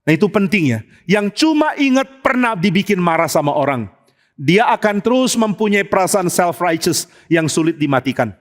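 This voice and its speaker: A man's voice: high voice, big pitch swings, moderate pace. A man preaching a sermon as pastor, telling stories with humor and acting out bits of dialogue. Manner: humorous storytelling, acts out dialogue. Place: church sanctuary. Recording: long church hall reverb.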